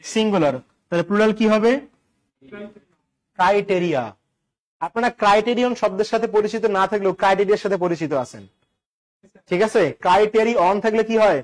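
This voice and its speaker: A man's voice: high-pitched, a little fast, long pauses. A male teacher, giving an exam-prep grammar lesson and quizzing listeners with repeated questions and jokes. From Bangladesh.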